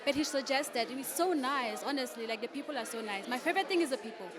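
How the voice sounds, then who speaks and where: Woman from cameroon, really high voice, chatty and upbeat, crowd noise. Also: fast. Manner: upbeat and casual, says "like" often. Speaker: beauty pageant contestant. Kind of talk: media interview answers.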